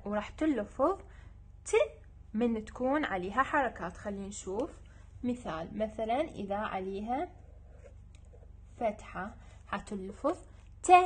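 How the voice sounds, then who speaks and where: A young woman with an Iraqi Arabic accent, teaching a children's lesson and repeating each sound slowly and patiently. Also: mid-range voice, husky.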